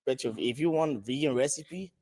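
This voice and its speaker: A man's voice: medium pitch, moderate pace, crowd noise. A man from Liberia, a dating show contestant, giving eager, rambling answers in casual chat.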